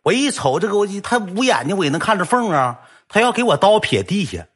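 A young man telling a comic story, lively and animated, acting out the quoted lines. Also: sits high, quick pace, husky.

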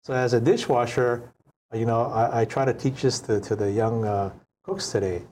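A man in his sixties from Hawaii, a chef guest telling stories in an unhurried, reflective way in a studio interview. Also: mid-range voice, steady tone, a little mellow, slight background noise. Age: 60s. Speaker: chef and restaurant owner guest. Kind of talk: casual interview storytelling.

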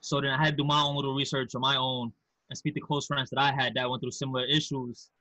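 A man's voice: mid-range voice, level tone, quick pace, sharp tone, no echo, rough recording. A man from Queens, New York with a Queens accent, talking candidly and casually as a podcast guest. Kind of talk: casual conversational interview.

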